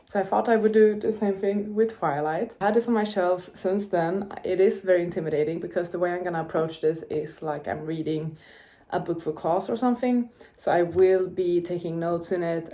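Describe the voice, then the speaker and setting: A young Czech-native book vlogger chats upbeat to the camera about books, with fillers and self-corrections along the way. Her voice is fairly low and a little mellow.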